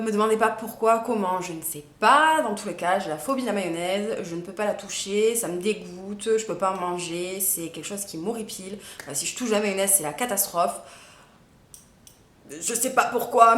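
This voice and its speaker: Young female vlogger, casual and chatty, mid pitch, recorded in a reverberant room. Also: fairly bright tone. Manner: chatty, many fillers and hesitations. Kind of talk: casual chat to camera. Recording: echoey room.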